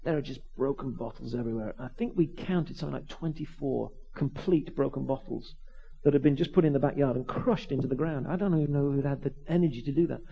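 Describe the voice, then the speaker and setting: A man, a vicar, preaching by telling a lively personal story, acting out the voices of the people in it and often restarting his words. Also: medium pitch, gravelly, highs cut off. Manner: animated, acts out voices, quick restarts. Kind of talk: storytelling sermon.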